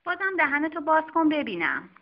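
A woman's voice: high voice, very animated, pitched above the performer's own voice. A woman voicing a stern female doctor who scolds a misbehaving dog in a children's story. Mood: scolding. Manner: scolding, firm. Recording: dull lo-fi recording.

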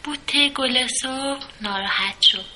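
A woman narrating a children's story in a slow, soft storybook manner. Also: high-pitched, low-quality recording.

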